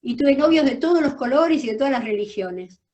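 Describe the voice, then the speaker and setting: An older woman with a Rioplatense accent tells her own story as an interview guest. She speaks in a fairly high voice, emphatic and animated, often restarting a phrase by repeating a word. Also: a little fast, lo-fi sound. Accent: Rioplatense Spanish. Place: her office.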